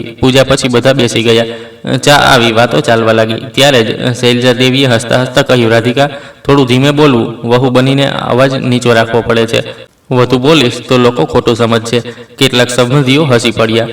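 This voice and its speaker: Casting: male narrator for a scripted family story, steady delivery, echoey room recording. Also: mid-range voice. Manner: steady, measured. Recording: roomy, distant mic.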